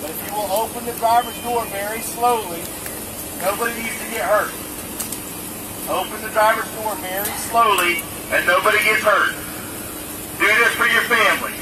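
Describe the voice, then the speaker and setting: A police lieutenant, a man, negotiating with a suspect through a loudspeaker, repeating firm commands and calmly pleading. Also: high-pitched, moderate pace, pauses often. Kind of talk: live police standoff negotiation. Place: outdoors at a roadside scene. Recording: distant loudspeaker voice over roadside noise.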